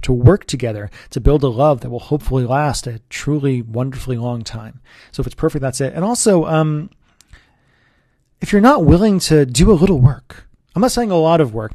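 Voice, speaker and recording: A man, a relationship coach, giving an earnest, persuasive sales pitch straight to the listener. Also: mellow, no echo, clean studio sound.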